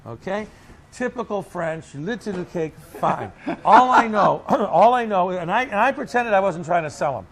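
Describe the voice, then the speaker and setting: A coffee cake company owner with a Boston accent tells stories in an animated interview, joking like a salesman. His high voice is expressive, and he speaks at a moderate pace.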